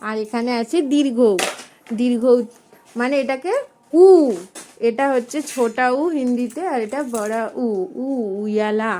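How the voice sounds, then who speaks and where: A woman gives a relaxed home lesson in a fairly high voice. She speaks patiently, says each letter more than once and draws the sounds out slowly. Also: slight background noise. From India. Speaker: teacher of a language lesson. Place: home, with her small son nearby.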